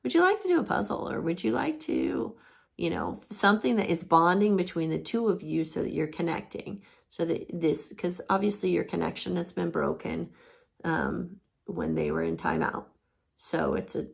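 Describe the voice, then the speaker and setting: A woman talks parents through discipline methods in a loose, conversational way, full of fillers, and sometimes slips into the phrases a parent would say. Her voice sits low and carries a heavy, gravelly fry. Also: steady tone, normal speed. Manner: chatty, many fillers, acts out parent phrases. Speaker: parenting course teacher. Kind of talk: casual teaching talk.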